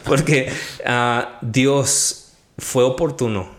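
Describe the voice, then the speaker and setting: A man, hosting a devotional podcast and telling a personal faith story in a lively conversational way. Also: mid-range voice, drawn-out words, slight background noise. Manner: animated storytelling, quotes his own prayers. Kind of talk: conversational testimony.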